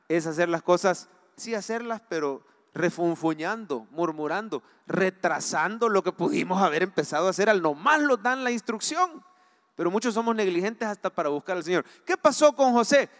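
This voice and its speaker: A Salvadoran pastor with a high voice delivers a sermon, throwing rhetorical questions at his congregation and swinging between loud emphasis and hushed asides. His voice rings out with a long reverb, as if in a large church hall. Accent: Salvadoran Spanish.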